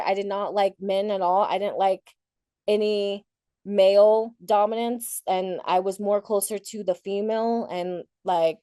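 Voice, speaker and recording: Speaking in a mid-range, slightly mellow voice with a clean tone, a woman shares her personal story at a conference. She grew up in Thailand speaking Thai before moving to the United States, and her motivational talk is informal, candid, reflective and conversational, with plenty of rephrasing. Clean studio sound, no echo.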